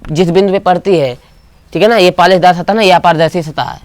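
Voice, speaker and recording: A man with a high voice talks fast while teaching a physics class, firing short questions at the students in call-and-response style and repeating key terms. There's no echo.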